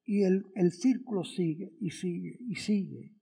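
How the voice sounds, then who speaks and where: A man's voice: sits high, measured pace, creaky, warm tone. A man, a priest, giving a conversational Sunday homily and asking the congregation many rhetorical questions. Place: church during Mass. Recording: long church reverb.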